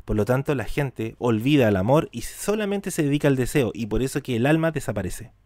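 A man's voice: mid-range voice, animated, a little fast, darkish tone, dry recording. A man teaching mysticism in a spiritual talk, repeating words for emphasis and asking rhetorical questions.

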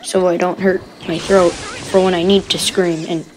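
A woman's voice: fairly low pitch, little pitch movement, normal speed, over music, rough recording. A woman giving chatty, giggly commentary over her gameplay, recorded afterwards.

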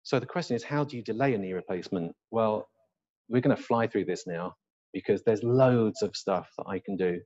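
A man's voice: lowish voice, fairly quick, dark tone, no echo, lo-fi sound. A middle-aged man, an orthopaedic surgeon, giving a live webinar lecture in a hospital lecture room. He is emphatic and opinionated, with rhetorical questions and blunt humour.

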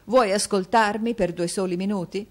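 A woman's voice: medium pitch, steady tone, moderate pace, close to an everyday voice. Woman doing a pompous dandy husband, flowery, melodramatic, raised voice. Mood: wheedling. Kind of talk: audiobook character voicing.

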